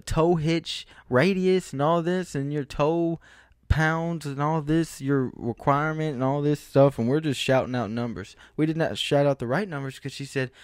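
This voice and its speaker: A man hosting a podcast, telling a rambling, animated story in a casual, exasperated way. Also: mid-range voice, no room sound, studio quality. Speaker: podcast host.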